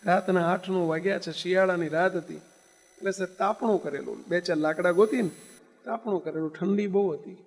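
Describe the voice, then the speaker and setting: A man's voice: sits high, fairly even intonation, brisk. A man preaching, telling a story in an emphatic sermon manner and throwing rhetorical questions at his listeners. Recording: long hall reverb.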